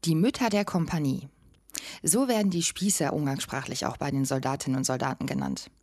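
Dry, low-pitched woman hosting a podcast. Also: brisk, a little mellow, no room sound. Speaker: podcast host. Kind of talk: interview podcast moderation.

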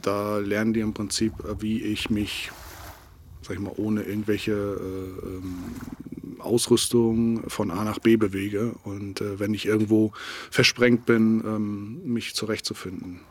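Halting male military instructor, faint background noise. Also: lowish voice, level tone. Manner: halting, hesitant, thoughtful phrasing. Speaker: military instructor being interviewed. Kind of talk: casual podcast interview.

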